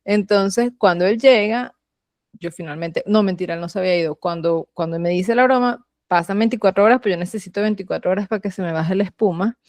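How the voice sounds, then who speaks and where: A woman's voice: mid-range voice, fairly quick, a little mellow, dry recording, clean studio sound. Candid woman host. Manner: candid, self-mocking anecdotes. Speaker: podcast host. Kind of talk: casual personal storytelling.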